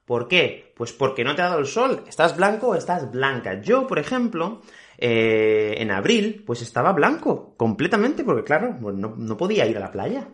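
Spanish-accented male teacher for a learner podcast: animated intonation, patient, repeats words, keeps asking "ok?". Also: fairly high pitch. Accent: Spanish, Spain. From Spain. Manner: repeats key words slowly and checks with "¿ok?".

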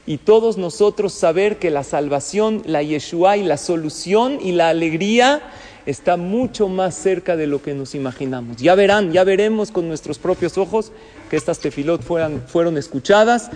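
Speaking at a normal pace in a high, darkish voice, a man preaches as a rabbi in a large hall. He weaves stories and jokes together and puts questions to his listeners, lecturer-style.

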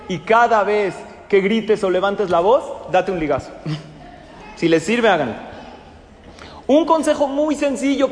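High-voiced man teaching in a hall. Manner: lively, acts out parents and children. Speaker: parenting class teacher. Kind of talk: lecture to a live class. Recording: echoey hall with faint noise.

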